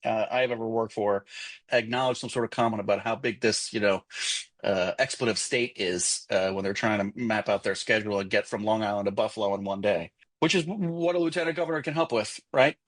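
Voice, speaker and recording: A man appearing as a political consultant guest, speaking in a talkative, animated way with frequent restarts. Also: on the low side, a little fast, no room sound. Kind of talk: casual political chat.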